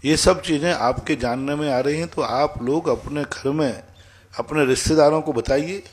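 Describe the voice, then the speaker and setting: Male monk, sermon with stories, emphatic scolding delivery, higher-pitched voice. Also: moderate pace, breathy edge. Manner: scolding, emphatic, acts out dialogue. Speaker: Jain monk answering questions. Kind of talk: sermon with storytelling.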